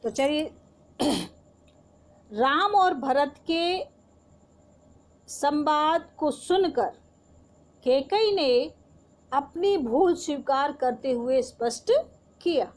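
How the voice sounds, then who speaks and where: A woman's voice: high-pitched, animated, very slow, long pauses. A woman teaching Hindi poetry in an online class, explaining the verse line by line and asking her students rhetorical questions.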